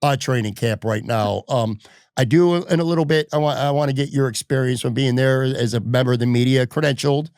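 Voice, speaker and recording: A man's voice: mid-range voice, fairly quick, darkish tone, no echo, clean studio sound. A man hosting a sports podcast, talking bluntly and heatedly in casual chat, swearing freely. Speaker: podcast host.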